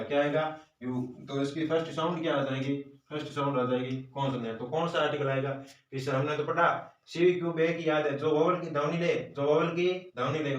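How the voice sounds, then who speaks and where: Echoey far-off Hindi-accented teacher. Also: male voice, on the high side, lo-fi sound. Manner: repeats questions and answers them himself. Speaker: grammar teacher. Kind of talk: classroom lesson. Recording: roomy echo, voice from far off.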